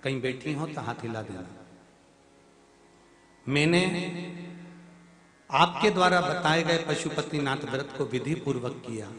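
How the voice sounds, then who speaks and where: A man's voice: mid-range voice, animated, unhurried, pauses often, a bit bright, roomy sound. A man preaching a live religious discourse to a large gathering, calling on the listeners to answer and building up his emphasis on key words. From central India. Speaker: devotional storyteller preacher.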